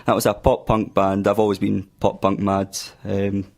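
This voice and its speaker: A guitarist from Fife, Scotland, sits as a guest in a radio studio and talks casually about his band. His voice is lowish and creaky at a normal speed, and his relaxed Scottish speech includes "aye" and "wee."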